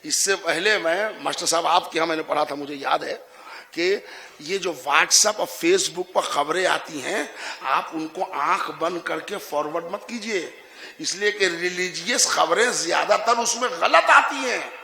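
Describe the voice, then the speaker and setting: Male preacher from Bihar, India: very bright, gravelly voice, teasing and questioning the crowd, then shouting for emphasis. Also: fairly high pitch. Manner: conversational and teasing, asking the audience questions and rising to emphatic shouts. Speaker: Shia cleric delivering a majlis sermon. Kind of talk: sermon. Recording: echoey hall.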